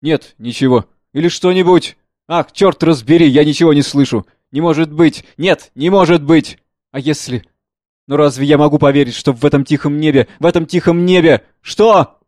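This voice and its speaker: A man reads the part of a seventy-year-old gardener who is nearly deaf, stubborn and frantic. He shouts in a high, cracking old voice. The recording is close and dry, with no room sound. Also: moderate pace, no echo, close to an everyday voice. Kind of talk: dramatic play reading.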